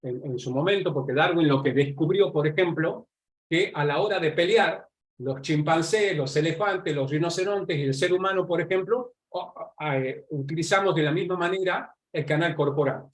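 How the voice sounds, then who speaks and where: A man's voice: a little high, moderate pace. A man with an Argentine accent gives a conversational online lecture, explaining points and checking in with his audience again and again. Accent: Argentine Spanish. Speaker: lecturer on nonverbal communication. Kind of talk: live online class lecture.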